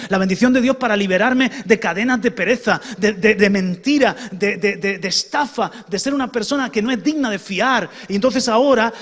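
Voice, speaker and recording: A man from preaching a sermon as pastor, shifting between loud emphasis and soft asides. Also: high-pitched, in a large hall.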